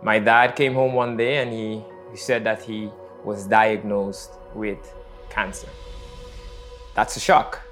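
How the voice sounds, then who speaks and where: A man, telling his personal faith story in a reflective, halting way with many fillers. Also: lowish voice, flat delivery, fairly bright tone. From Netherlands. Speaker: missionary. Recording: faint music underneath.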